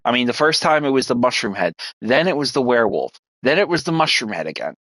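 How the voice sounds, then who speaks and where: A streamer man talks over his game at an ordinary, middle pitch. He is openly irritated, swears freely and keeps stopping to restart his sentences as he thinks aloud. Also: very animated, fast talker, fairly bright tone, dry recording. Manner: frustrated, swearing often, stammering restarts. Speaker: gameplay streamer. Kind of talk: live gameplay commentary.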